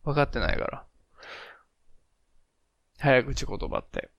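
Male co-host from Japan, Japanese accent on English, playful learner, slow and gravelly. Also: mid-range voice, big pitch swings, fairly bright tone, dry recording. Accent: Japanese, in English words. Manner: playful learner who sounds out words haltingly. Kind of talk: casual chat with pronunciation drills.

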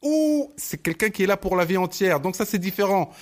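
A man co-hosting a podcast in casual chat, animated and slangy, often stammering on repeated words. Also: high voice, a little fast. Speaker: podcast co-host.

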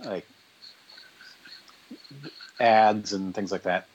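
A man guest on an interview podcast, telling animated stories in casual chat and quoting people in their voices. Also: lowish voice, extremely slow. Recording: dull lo-fi sound.

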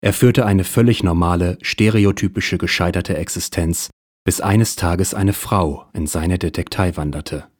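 Man, deadpan noir parody narration, very deep voice, husky. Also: measured pace, no room sound. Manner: deadpan, dry.

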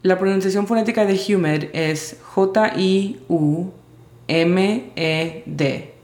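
Slow, careful woman teaching English words. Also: on the low side, a little mellow, roomy sound. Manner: slow, careful spelling of sounds. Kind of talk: vocabulary lesson.

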